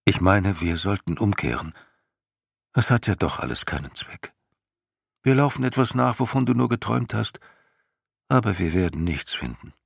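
Sad storybook horse, slow and resigned, husky low voice, a man reading. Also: very animated, dry recording, studio quality, full character voice. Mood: hopeless. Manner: slow, heavy, resigned speech. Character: weary, hopeless male horse, sinking.

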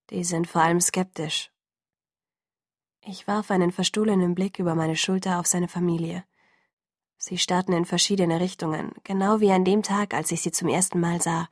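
A woman calmly narrating a first-person audiobook in an even storytelling manner. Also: fairly low pitch, fairly quick, dry recording, clean studio sound.

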